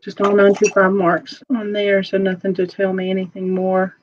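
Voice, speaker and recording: A woman's voice: mid-range voice, monotone. Chatty woman on a muffled stream. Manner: chatty, rambling, quick to laugh. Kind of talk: casual live-stream chat.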